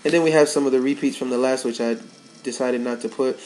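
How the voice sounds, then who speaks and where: A man's voice: mid-range voice, fairly even intonation, fast, darkish tone, low-quality recording. A man giving a casual tajweed lesson as a Quran recitation teacher, repeating words for emphasis.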